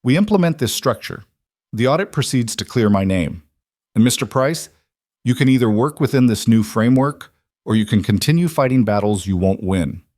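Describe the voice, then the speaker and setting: A man's voice: medium pitch, lively intonation, moderate pace, darkish tone, no room sound, studio quality, lightly acted. A man voicing a composed female CEO and young mother in a storybook narration, firm and persuasive.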